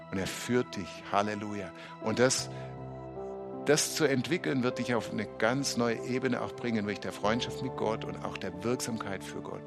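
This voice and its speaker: A male pastor leading a charismatic sermon with prayer in a church, swinging between loud exclamations and soft, murmured prayer. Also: medium pitch. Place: church hall, also streamed live.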